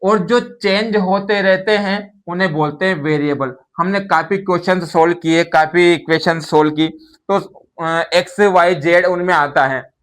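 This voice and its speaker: A man's voice: high-pitched, a little slow, a bit bright. A man teaching a maths lesson, explaining patiently and often asking questions and answering them himself. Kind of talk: classroom-style maths lesson.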